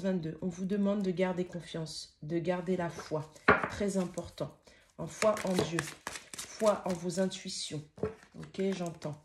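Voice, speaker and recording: A middle-aged woman giving a spiritual tarot reading at home, chatty and exclamatory, dotting her speech with "hein", sometimes rushing and stammering, with a sniffly nose. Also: fairly low pitch, darkish tone, a little hiss or hum. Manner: chatty, interjecting with frequent "hein", exclaiming over the cards; speaks fast and stammers at times while channeling. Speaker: tarot card reader. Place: home with dogs nearby.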